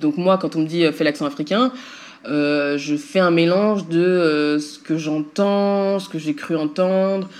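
A woman who works in dubbing speaks frankly and conversationally in an interview. Her voice is mellow and dark. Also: sits low, measured pace. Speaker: dubbing actress. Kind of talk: documentary interview.

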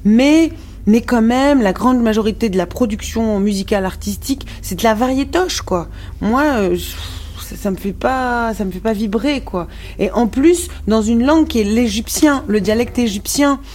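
A woman's voice: on the high side, normal speed, darkish tone. A woman from Morocco, speaking frankly as a musician guest in a radio interview, with many restarts and fillers.

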